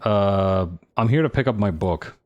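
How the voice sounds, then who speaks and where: A courteous cleric hero who asks questions and pays his way, as a man plays him. The voice stays low and close to his own, plain and matter-of-fact. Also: measured pace, a little mellow, highs cut off, soft background music, close to an everyday voice. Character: polite, plain-spoken male cleric hero.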